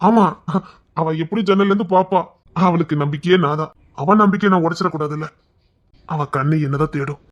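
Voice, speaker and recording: A man's voice: on the high side, a little fast, muffled recording, lightly acted. A man playing a kind, devoted young man who reassures an older woman in an audio drama. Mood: earnest. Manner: earnest, warm-hearted, reassuring. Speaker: young husband-to-be waiting outside an exam hall.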